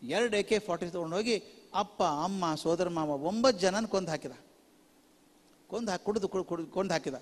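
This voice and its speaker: An older man giving a lively lecture on parenting to teachers, acting out parents and children in quick asides. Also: high voice. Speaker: speaker on parenting at a teachers' conference. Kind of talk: lecture mixing Kannada and English. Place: large hall. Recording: long hall reverb.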